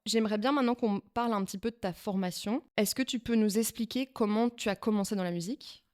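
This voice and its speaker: A woman hosting a podcast and interviewing a guest, with an enthusiastic, lively manner. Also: medium pitch, fast. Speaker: podcast host.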